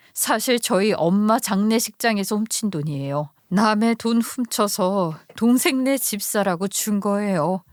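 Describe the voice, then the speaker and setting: A woman's voice: medium pitch, dry recording, studio quality. A woman narrating a listener's true story in the first person, emotional and indignant, for a story radio channel.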